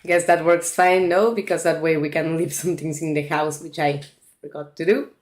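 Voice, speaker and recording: A low, darkish female voice with fairly even intonation, speaking at a normal speed. She's a Mexican streamer playing a farming game, chatting casually with her viewers and reacting aloud as she goes.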